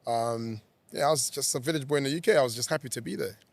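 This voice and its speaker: A young man from Zambia, chatting as an interview guest and laughing often. His voice sits at an ordinary middle pitch, and the recording is dry and close. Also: fast talker, no echo. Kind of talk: casual interview chat.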